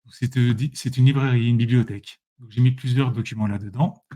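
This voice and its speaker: A man's voice: mid-range voice, steady tone, a little fast, dark tone. A man giving a casual live tutorial while sharing his screen, chatty and self-correcting, speaking straight to his viewers on a computer mic. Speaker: presenter demonstrating software.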